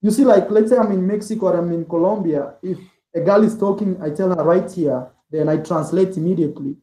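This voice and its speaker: The guest, a man who makes travel vlogs, talks briskly in a high-pitched voice with a dark tone during a casual interview chat. He rambles loosely and relies heavily on "like" and "man," and the recording is roomy and of poor quality.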